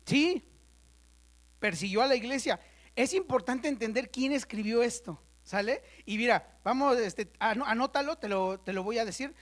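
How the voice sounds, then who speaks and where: A woman leads a Bible study in a church classroom. She keeps things conversational, tossing quick questions to the class and joking with them. When a term matters, she slows right down and spells it out for note-takers. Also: a little high. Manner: conversational, checks in with the class often; playful asides, spells out terms slowly for note-takers.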